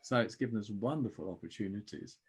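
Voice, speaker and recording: Older man, low-pitched and a touch husky; an interview guest telling reflective anecdotes with easy chuckles. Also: fast. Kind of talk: conversational storytelling.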